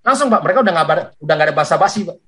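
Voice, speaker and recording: A man giving a lively sales coaching talk for network marketing, who often addresses his listeners as sir and acts out sales conversations. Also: on the high side, very fast. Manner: animated, addresses listeners as "Pak" constantly.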